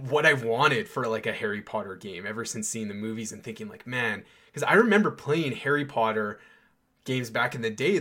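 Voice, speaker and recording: A man's voice: medium pitch, a bit bright. A young man hosting a podcast, chatting casually and enthusiastically, with many fillers and restarts. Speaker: podcast host. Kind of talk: casual chat.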